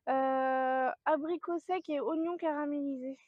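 A woman's voice: high voice, fairly even intonation, unhurried. A woman chatting casually to camera about her grocery haul, rambling with many fillers and little laughs. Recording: dry, dull lo-fi sound.

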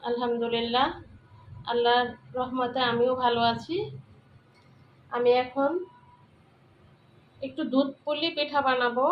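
A woman with a Brahmanbaria Bengali accent talks through a cooking demonstration, explaining local words as she goes. Her voice sits high and stays fairly level in pitch. Faint kitchen sizzling and frying noise runs underneath. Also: poor audio. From Brahmanbaria, Bangladesh. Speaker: cooking vlogger.

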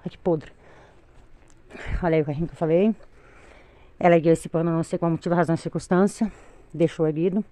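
A middle-aged woman with a Brazilian Portuguese accent, a vlogger and mother of three, vents wearily in a casual home vlog shot on her phone in the living room. Her voice is mellow and on the low side, her tone complaining.

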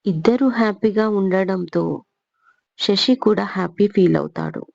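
A woman's voice: mid-range voice, moderate pace, creaky, a little mellow, dry recording. A woman narrating a romance story as the channel's storyteller, voicing each character's lines in her own voice with only small shifts. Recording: dull lo-fi dry recording.

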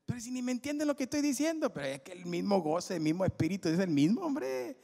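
In a large church auditorium, a man with a high voice and quick pace gives a humorous testimony during a service. An animated storyteller, he acts out scenes and cracks jokes as he goes, in an echoey hall with faint music.

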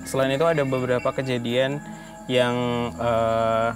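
A man's voice: mid-range voice, steady tone, a little slow, music in the background. A man with an Indonesian accent describing a place's negative energy in a casual chat, hesitant and full of fillers. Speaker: paranormal investigator.

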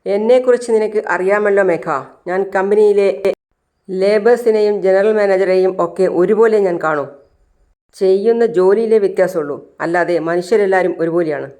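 A stern, wealthy middle-aged father, put on by a woman storyteller, lecturing firmly. He speaks with settled authority and no softness. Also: mid-range voice, moderate pace, natural voice. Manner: firm, lecturing.

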